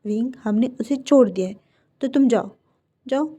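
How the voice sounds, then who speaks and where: A woman voices a calm, affectionate young man in a storybook retelling. The delivery stays easy and reassuring, in a somewhat high, mellow voice. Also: moderate pace, close to an everyday voice.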